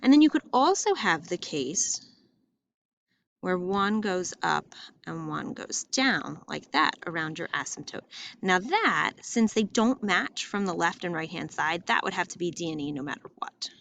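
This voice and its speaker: A woman teaching a math lesson in a school, talking in a lively, emphatic way and repeating phrases for stress. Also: on the low side, measured pace, gravelly. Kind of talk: classroom lesson walking through graphs. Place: school classroom or building with loudspeaker.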